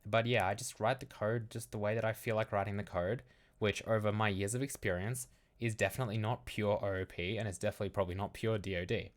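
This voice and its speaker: A man's voice: on the low side, steady tone, fast talker. A young man chatting casually on a live stream, answering chat questions in a rambling, frank way full of fillers.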